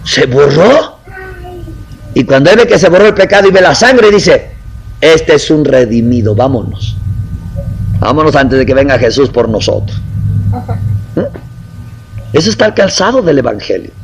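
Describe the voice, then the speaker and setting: A man's voice: a little high, expressive, normal speed, vocal fry, pauses often, slight background noise, poor audio. A man preaching a sermon in a conversational way, acting out little quotes and asking the congregation questions.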